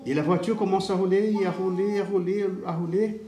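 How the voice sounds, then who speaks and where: A man's voice: high voice, steady tone, fairly quick, dark tone. A man preaching a sermon as a dramatic story, repeating his words for effect. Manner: dramatic, repetitive, voices the characters. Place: church hall. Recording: echoey hall with faint noise.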